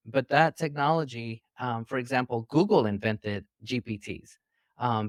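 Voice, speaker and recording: A physician from New York City, appearing as a guest on a video call, explains his interview answers at length in an earnest, teacherly manner. His voice is medium-pitched, and he's indoors with no echo.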